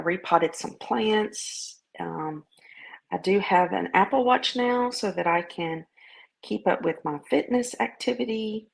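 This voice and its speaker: A woman from the southern United States with a Southern American accent, talking in a casual video diary in a folksy, halting, rambling way. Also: lowish voice, creaky. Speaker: vlogger.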